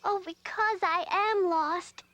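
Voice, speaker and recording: Thumbelina, very high girlish cartoon voice. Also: slow, fairly bright tone, exaggerated voice. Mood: earnest. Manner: polite, earnest, easily alarmed. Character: tiny, sweet, polite young girl heroine. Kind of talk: animated cartoon character acting. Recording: music behind, VHS cartoon soundtrack.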